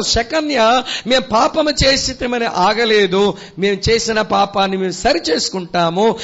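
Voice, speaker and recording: A man's voice: high voice, a bit bright, highs cut off. A man preaching a sermon at a retreat with a Telugu accent, reading scripture aloud and asking the audience questions. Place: retreat meeting hall.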